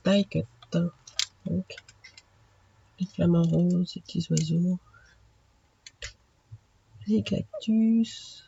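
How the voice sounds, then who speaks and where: A woman hosting a craft channel, showing her purchases in a relaxed, chatty way with many fillers. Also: medium pitch, vocal fry. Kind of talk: casual haul video. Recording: lo-fi with audible background noise.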